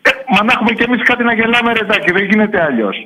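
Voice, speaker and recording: Bright-voiced rambling fan calling in. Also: male voice, high-pitched, expressive, rough recording. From Greece. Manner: rambling, chuckling storyteller, quick bursts. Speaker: radio caller, football fan. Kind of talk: phone-in chat telling jokes. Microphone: phone line.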